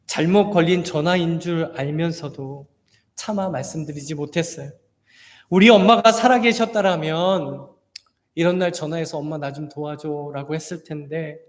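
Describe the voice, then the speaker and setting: Man doing an overwhelmed young mom, pleading and shaky, slightly high voice. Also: darkish tone, close to an everyday voice. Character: tearful young woman, overwhelmed new mother. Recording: long church hall reverb.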